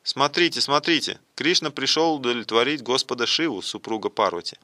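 A man voicing a lively young female companion in a devotional play, speaking excitedly. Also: medium pitch, a little fast, dry recording.

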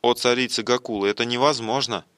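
A man reading the part of a wise, elderly female ascetic in a devotional play, speaking gently and solemnly. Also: medium pitch, fairly even intonation, quick pace, clean tone, dry recording, lightly acted.

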